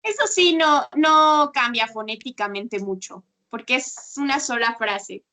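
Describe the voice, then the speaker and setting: A woman's voice: fairly high pitch, lively intonation, a little slow, pushed and bright. A woman tutoring Spanish on a video call, patiently explaining pronunciation with examples. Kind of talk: one-on-one language lesson.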